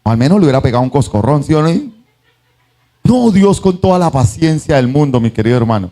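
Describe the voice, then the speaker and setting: Speaking at medium pitch and a little fast, a man delivers a sermon as pastor. He animatedly voices the characters of the story and puts questions to the congregation, asking "¿sí o no?".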